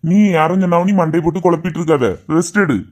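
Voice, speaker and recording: A man's voice: a little high, steady tone, quick pace, natural voice. A man playing a firm, reassuring uncle. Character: steady uncle, calming and advising the family.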